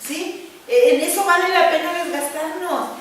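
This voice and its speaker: A woman's voice: very high voice, unhurried, fairly bright tone. A woman preaching a sermon to a church gathering, earnest and conversational, often checking that her listeners agree. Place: church hall. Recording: distant mic in an echoey church hall with faint noise.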